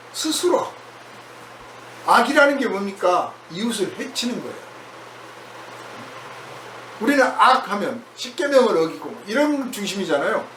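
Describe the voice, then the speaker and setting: High-voiced man preaching in an echoey hall. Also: a bit bright. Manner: conversational preaching, acts out prayers in quoted voices. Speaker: pastor. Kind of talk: sermon. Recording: echoey hall from far off, faint noise.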